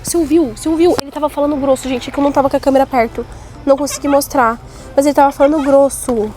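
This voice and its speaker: A woman filming a casual vlog on her phone in a supermarket aisle, talking excitedly with playful mock alarm. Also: high-pitched, racing, music in the background. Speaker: mother filming a family outing. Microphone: handheld phone camera. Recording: noisy store ambience.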